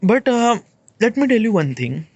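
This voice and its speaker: A man in his late twenties with an Indian English accent, thinking aloud in a rambling, halting monologue and checking in with "okay?" as he goes. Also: sits high, sing-song, no echo, lo-fi sound. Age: 20s. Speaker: vlogger. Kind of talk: casual reflective monologue.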